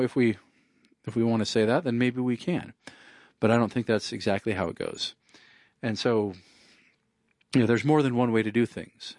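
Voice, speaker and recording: A man's voice: fairly low pitch, dry recording, studio quality. A man who works as an estate planning attorney, talking in a wry, conversational way and leaning on "you know". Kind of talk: casual spoken monologue.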